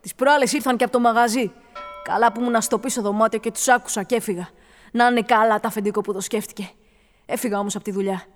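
An earnest young fugitive, voiced by a woman, speaks plainly in a somewhat high voice. A long hall reverb trails each word. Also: steady tone, soft background music, lightly acted. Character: young man Nikolas, hunted fugitive, loyal.

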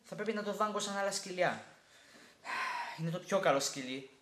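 A man's voice: sits high, expressive, fairly bright tone. A man performs a touchy, hypochondriac landowner who fusses over his racing heart and argues at every turn. His voice swings widely up and down. The stage recording has an echoey, roomy sound. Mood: pompous. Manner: fussy, touchy, complains of palpitations.

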